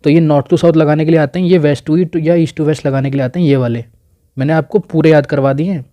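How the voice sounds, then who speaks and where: A young man teaches at a whiteboard with a mellow, dark voice. He drills place names again and again and keeps prodding his students to repeat them aloud. His delivery is informal and coaxing. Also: on the high side, fairly even intonation, fairly quick. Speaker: exam coaching teacher. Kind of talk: whiteboard lesson. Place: indoors at a whiteboard.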